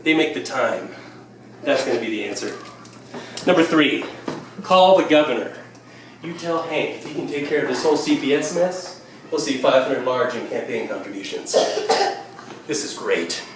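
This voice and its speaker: A man's voice: mid-range voice, lively intonation, moderate pace, pauses often, lightly acted. A man playing a brash rich uncle who rattles off orders in an amateur film. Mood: bossy. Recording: echoey, distant, noisy room.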